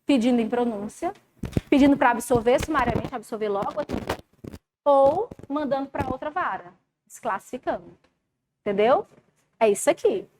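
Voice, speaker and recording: A high-pitched woman with a Brazilian Portuguese accent teaches a live law class, lively and chatty, talking straight to her students. The recording carries clear background noise from the classroom. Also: moderate pace, pauses often, rough recording.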